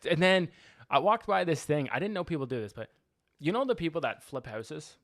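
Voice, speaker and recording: A man's voice: fairly high pitch, expressive, fairly quick, no room sound, studio quality. Laughing, swearing man. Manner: laughs through stories, swears a lot. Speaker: podcast co-host. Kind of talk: casual chat.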